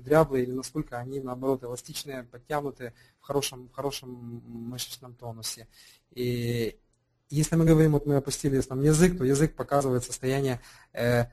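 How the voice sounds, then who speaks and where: A man speaks off the cuff as an alternative health practitioner, his voice mellow and dark in tone at a middling pitch. He hesitates often, filling gaps and restarting phrases as he explains. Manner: hesitant, many fillers and restarts. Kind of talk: unscripted explanatory talk.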